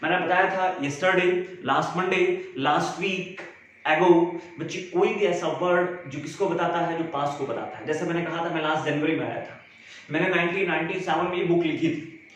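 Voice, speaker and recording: A man's voice: a little high, steady tone, moderate pace, fairly bright tone. A man teaching an English grammar lesson, who explains by repeating himself and asking the students questions. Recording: very echoey room, faint background noise.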